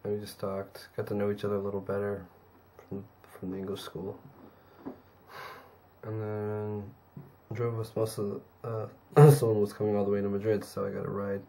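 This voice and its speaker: A young man records a casual vlog at arm's length, his voice hoarse and tired from a lingering cold. He rambles easily with fillers, his slightly low voice gravelly with fry. A faint background noise runs under him. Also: level tone, moderate pace, mellow. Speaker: vlogger.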